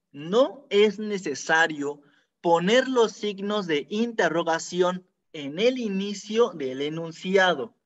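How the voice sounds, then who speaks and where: A teacher talks through a grammar lesson very slowly, laying out each rule and then working through examples one step at a time. The voice sits in a middle register, and the recording sounds dull and lo-fi. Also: mid-range voice. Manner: careful, repetitive explaining with worked examples.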